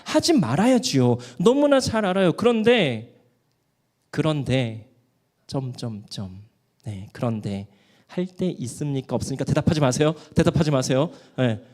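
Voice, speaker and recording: A man with a fairly high voice delivers a sermon to his congregation in church. He keeps firing questions at the listeners and answering them himself. Now and then he slips into short acted voices of people who grumble. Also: big pitch swings, normal speed, a little mellow. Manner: acts out quoted grumblers in short put-on voices. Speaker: pastor. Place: church sanctuary.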